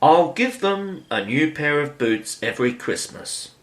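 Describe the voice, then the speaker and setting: Man doing a puzzled little girl, thinking aloud, slow and gently lifted in pitch, storybook reading. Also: very animated. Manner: musing aloud to herself. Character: curious, puzzled young girl, Alice.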